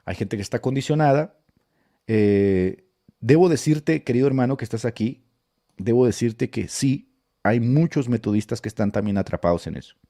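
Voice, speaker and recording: A man's voice: mid-range voice, lively intonation, moderate pace, dark tone. A man with a northern Mexican accent, a preacher telling church anecdotes in casual storytelling talk, laughing often as he goes.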